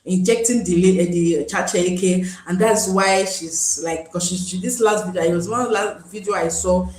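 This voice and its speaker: A woman's voice: lowish voice, normal speed, darkish tone, reverberant, rough recording. A Nigerian woman hosting a live stream, chatting casually and pleading with viewers to join. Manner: pleading, chatty, switches into pidgin.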